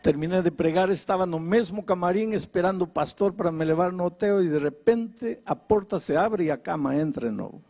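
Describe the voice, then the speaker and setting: High, husky preaching man. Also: fairly quick, few pauses, a little mellow. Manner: dramatic, swings pitch widely when quoting people. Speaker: pastor. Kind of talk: storytelling sermon.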